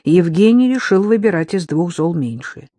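Expressive audiobook reader, dry sound. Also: mid-range voice, normal speed, dry recording. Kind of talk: audiobook narration.

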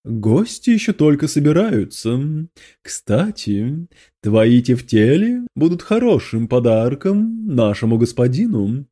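Man as a soft-spoken, slow servant, placating, audiobook. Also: mid-range voice, sing-song. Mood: soothing. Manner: quiet, placating. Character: soothing male servant, calm and deferential.

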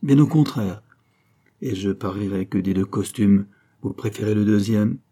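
A man's voice: on the low side, normal speed, dark tone, husky. A man reading an audiobook and voicing a flirtatious, elegant blonde woman with an accent in a playful, teasing, lightly raised voice.

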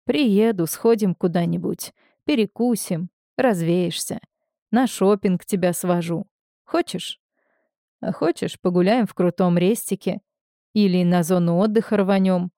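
Woman doing a tough jaded ex-con guy in an audiobook, low and coaxing, slow and dry, mellow dark voice. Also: no room sound. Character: cynical hard-bitten ex-convict man, rough and coaxing. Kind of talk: audiobook character reading.

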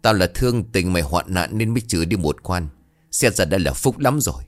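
A man's voice: sits low, lively intonation, a little fast. A man voicing a greedy, harsh old village money-lender who talks down to the poor in a scornful, threatening way. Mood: domineering.

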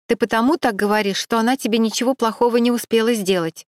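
A woman's voice: on the high side, steady tone, quick pace, no room sound, clean studio sound, natural voice. A woman reading the part of a resentful female colleague who speaks reproachfully. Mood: aggrieved. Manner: aggrieved, reproachful.

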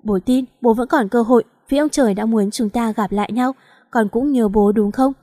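A woman's voice: fairly high pitch, normal speed, dark tone, no echo, clean studio sound, lightly acted. A woman voicing a heartbroken young husband who speaks bitterly and accusingly, choked with regret. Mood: tearful.

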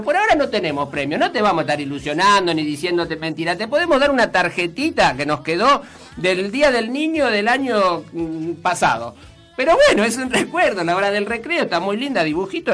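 A woman's voice: medium pitch, fairly bright tone. A woman with an Argentine accent hosting a children's radio show, chatting playfully and putting riddles and questions to her listeners.

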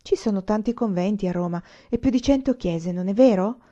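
A woman's voice: mid-range voice, a little fast, dark tone, lightly acted. A woman reading a shy young shepherd boy. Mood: timid. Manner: timid, earnest. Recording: slightly muffled recording.

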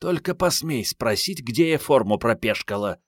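Young woman, bold and mocking, sharp tongue, pitched well up; read by a man in an audiobook. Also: animated, measured pace, dry recording, clean studio sound. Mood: scolding. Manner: mocking, bold, coarse banter. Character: brash, sassy young woman, crude and teasing.

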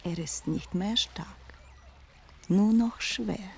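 A worldly woman in a radio drama who talks slowly and softly, often sinking into a whisper. Her voice has a gravelly grain. She sounds wistful as she looks back. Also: mid-range voice, a little hiss or hum. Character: worldly woman recalling a lost lover. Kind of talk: radio play acting.

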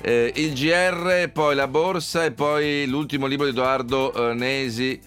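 A male radio host running a live economics show, reeling off stock market figures briskly with frequent fillers, in a studio. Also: mid-range voice, fairly even intonation, fairly bright tone, soft background music. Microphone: studio mic.

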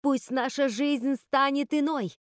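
A woman's voice: fairly even intonation, takes it slowly, dry recording, studio quality. A woman reading aloud and voicing a young witch girl who fights to save her sisters, urgent and pleading. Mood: chanting. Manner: urgent, pleading, high-strung.

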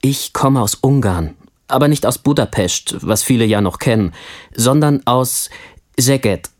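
A man playing a friendly young family man in a language course, answering interview questions in a scripted textbook dialogue with calm, clear speech. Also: mid-range voice, a little slow, lightly acted. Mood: friendly, relaxed.

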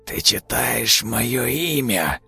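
A man voicing a vengeful ghostly voice of the buried dead, slow, menacing and sneering. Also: medium pitch, lively intonation, vocal fry, bright, forceful tone, husky, no room sound, faint music behind, heavily acted. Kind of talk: audiobook character voice.

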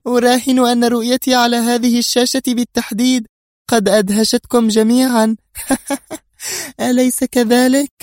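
A man's voice: very high-pitched, flat delivery, normal speed, darkish tone, no room sound, studio quality, voice pushed up. A man voicing a scheming female crime boss in an audiobook, taunting and laughing with smug confidence. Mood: mocking. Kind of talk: audiobook character voice.

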